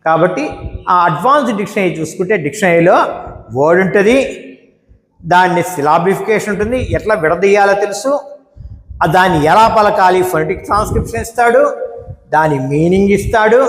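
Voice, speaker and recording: Lively Telugu teacher in an echoey room. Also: male voice, high-pitched. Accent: Telugu-accented English. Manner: slow, drawn-out example words, explanatory. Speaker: English teacher. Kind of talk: classroom-style lesson. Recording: echoey room with long reverb.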